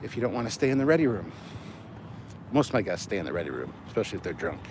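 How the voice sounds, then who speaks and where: A livestream host talks while strolling outdoors beside city traffic, his fairly low voice racing along in a sing-song way. He rambles, jokes, and swears casually, and the street audio is noisy with cars going by.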